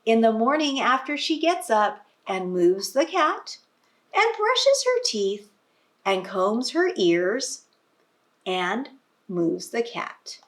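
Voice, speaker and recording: A fairly high-pitched woman reads slowly in a sing-song way from a picture book to little kids. She uses a teacher's approach, with explanatory asides and prompting questions in an expressive read-aloud.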